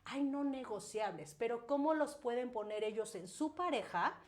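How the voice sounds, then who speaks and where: A woman speaking as a parenting specialist in a casual conversation, animated, acting out scolding parents and children. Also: a little high, normal speed.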